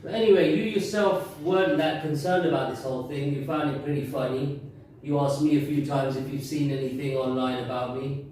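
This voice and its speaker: A man's voice: on the high side, steady tone, fairly quick, a little mellow, a little hiss or hum. A man interviewing a guest in a casual chat, prompting him with short questions. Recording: very echoey room from far off.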